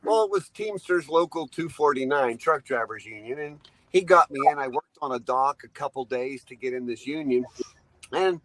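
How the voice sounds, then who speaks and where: A man's voice: mid-range voice, animated, moderate pace, a bit bright, no echo, rough recording. A man in his fifties, a truck driver guest, tells long rambling anecdotes, laughing often and acting out what people said. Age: 50s. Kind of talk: storytelling interview.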